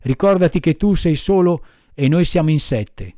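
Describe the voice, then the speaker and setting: A man's voice: a little high, animated, normal speed, dark tone, no echo, clean studio sound, natural voice. A man doing a gang of bullying schoolboys. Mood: threatening. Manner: bullying, taunting. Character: gang of rowdy boys threatening a classmate.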